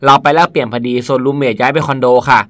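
A male podcast co-host reading a listener story in a quick, casual way, restarting when he slips up. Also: mid-range voice, fairly even intonation, fairly bright tone, no room sound.

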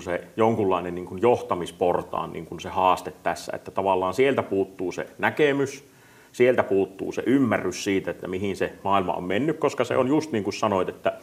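A man hosting a casual talk, agreeing often and filling his speech with hesitant fillers. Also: low voice. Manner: agreeable, fills speech with "niin kuin". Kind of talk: casual podcast chat.

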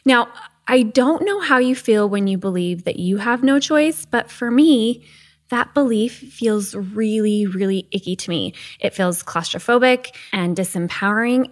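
A woman hosting a teen coaching podcast, recording from under a blanket in an empty home office. She talks in a chatty way and keeps checking in with "okay?". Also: medium pitch. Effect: recorded under a blanket, muffled. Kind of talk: casual solo podcast talk.

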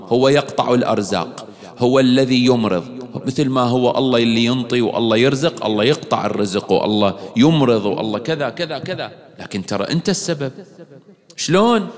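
A man delivering a sermon in a reverberant mourning hall, his voice carried on a long echo. He speaks at a middling pitch and drives his points with emphatic rhetorical questions that leap upward. Each claim is pressed home with force. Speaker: preacher.

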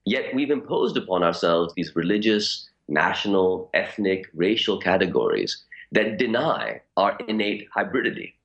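A man in his forties from Pakistan, an author speaking in a radio interview in a measured, thoughtful way. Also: sits low, animated, fairly bright tone, highs cut off. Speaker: author guest.

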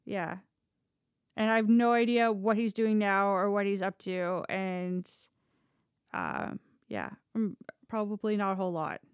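She's a podcast storyteller whose mid-range, expressive voice moves a little slowly with a clean tone. Her chatty storytelling is informal and blunt, with loose swearing, captured in clean studio sound with no room sound.

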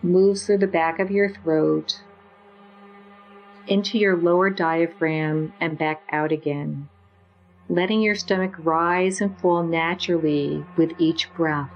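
A woman leading a guided meditation with slow, soothing, gentle instructions. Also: lowish voice, fairly even intonation, lo-fi sound, a little hiss or hum.

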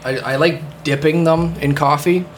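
Slow-talking man, rambling host. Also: on the high side, steady tone, slight background noise. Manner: rambling, lots of fillers and swearing. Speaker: podcast host. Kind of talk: casual chat.

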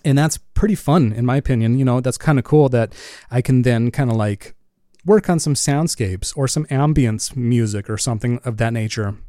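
A podcast host and music producer rambles through a casual solo episode from his home studio, full of "you know" fillers. His mid-range voice is warm and moderately paced, captured dry on a studio condenser mic.

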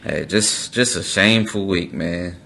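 A man's voice: deep voice, a little slow, creaky, sharp tone, a little hiss or hum. A man hosting a casual podcast, loose and profane, repeating words for emphasis. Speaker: podcast host.

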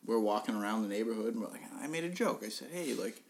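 A man's voice: fairly low pitch, lively intonation, very fast, a little hiss or hum. A young man on a podcast telling a funny story in a casual way, swearing often, laughing at his own story and often restarting his sentences. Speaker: podcast co-host.

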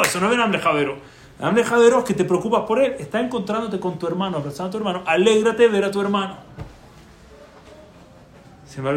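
A man teaching Torah in conversation, telling stories and asking rhetorical questions. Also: fairly high pitch. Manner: animated storyteller, asks rhetorical questions. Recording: echoey room with faint background noise.

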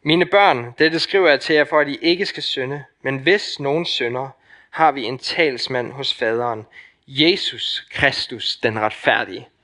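A young man with a Danish accent preaching a sermon, passionate, with loud emphatic peaks that drop to hushed, intimate lines. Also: medium pitch.

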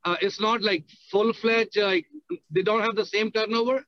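High-voiced man on a car speakerphone. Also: normal speed, no echo, muffled recording. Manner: steady, detailed, careful explaining. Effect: car speakerphone while driving. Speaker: caller asking a question. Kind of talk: casual question on a call.

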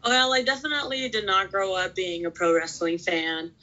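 Bright, chatty young woman from Puerto Rico. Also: mid-range voice, steady tone, normal speed, muffled recording. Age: 20s. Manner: chatty, peppers talk with "like". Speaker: pro wrestler, podcast guest. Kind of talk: casual chat.

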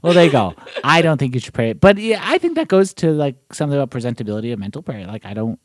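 A man's voice: deep voice, no room sound. A man hosting a podcast in natural, unscripted casual talk, with a probing, teasing way of talking. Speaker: podcast host.

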